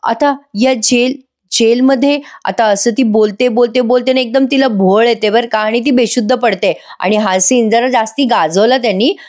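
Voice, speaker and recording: A woman with a Marathi accent narrates a voice-over review of a TV serial. She chats to her viewers and retells each scene. Her voice sits a little high. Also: moderate pace, hardly any pauses, darkish tone. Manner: chatty, addresses viewers with tag phrases.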